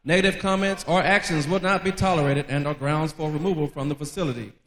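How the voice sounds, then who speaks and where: A man announcing formally over the public address system in a large gym, slow and deliberate. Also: a little high, fairly bright tone, a little hiss or hum. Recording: echoey gym PA from far off.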